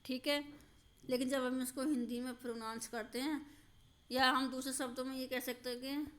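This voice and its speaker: A woman teaching a grammar lesson, slowly and patiently, repeating examples and checking that her students understand. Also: high voice, flat delivery, fairly bright tone.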